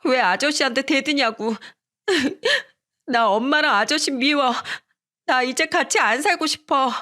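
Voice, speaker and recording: A woman's voice: sits high, animated, measured pace, sharp tone, pitched above the performer's own voice, exaggerated voice. Woman doing a tearful little girl. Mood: tearful pleading. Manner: tearful, pleading child talk. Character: young girl in third grade, sad and pleading.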